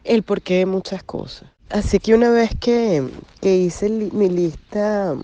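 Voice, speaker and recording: A woman giving a personal recovery testimony, reflective and searching, pausing between phrases. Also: mid-range voice, warm tone, no room sound, lo-fi sound. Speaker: recovery group member sharing.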